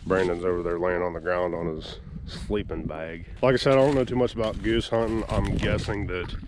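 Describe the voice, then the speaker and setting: A man's voice: low voice, fairly even intonation, brisk, background noise. A man casually narrating a hunting vlog outdoors, chatty and easygoing, explaining things as he goes on an action camera. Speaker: hunting vlogger. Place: outdoors in a rural field.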